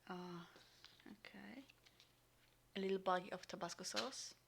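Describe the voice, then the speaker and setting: A woman vlogger unboxing and reviewing a military ration in casual talk, full of ums and sometimes dropping into a soft whisper. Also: lowish voice, fairly even intonation, a little slow, creaky, noisy background. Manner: chatty, frequent ums, drops into soft whispers. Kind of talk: casual unboxing and taste test.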